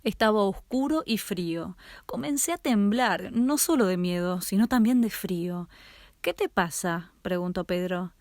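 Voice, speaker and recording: A woman narrates a scripted first-person story with dramatic, expressive delivery. Her voice sits at a middle pitch, and the recording is dry and close with no room sound. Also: a little slow, no echo.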